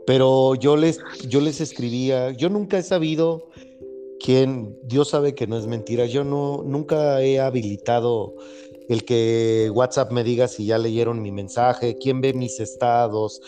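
A man hosts a faith podcast in an earnest, rambling way, circling back and restarting his sentences. His voice sits at an ordinary middle pitch. Soft music plays faintly behind him. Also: a little slow. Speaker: podcast host. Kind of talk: casual faith-based podcast conversation.

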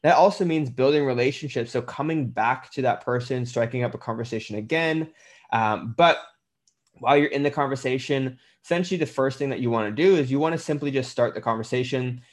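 A man's voice: medium pitch, a little fast. A man coaching personal trainers on their business in a blunt, conversational way, with the odd swear word. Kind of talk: casual instructional talk.

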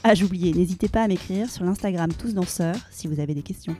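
Woman, podcast host, upbeat, scripted welcome, interview questions, soft music behind. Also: fairly low pitch, a little fast.

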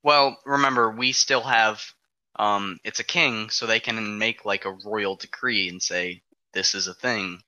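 Man presenter, very bright and forceful tone, dry close sound, laid-back explainer with ums. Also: on the low side, steady tone, a little slow, dry recording, poor audio. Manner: walks through dates step by step, frequent ums. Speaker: presenter of an alternate history timeline. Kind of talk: casual explanatory podcast talk.

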